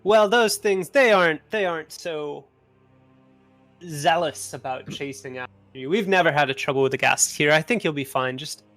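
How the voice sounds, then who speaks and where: A man's voice: a little high, normal speed, a bit bright, no room sound, faint music behind, natural voice. A man voicing a charming, lean woman innkeeper in a tabletop game, coaxing and stammering over his words. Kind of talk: game master voicing a character.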